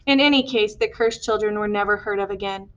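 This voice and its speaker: A woman reading a novel aloud in first person, steady and earnest. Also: medium pitch, brisk, highs cut off. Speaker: audiobook reader. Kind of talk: audiobook narration.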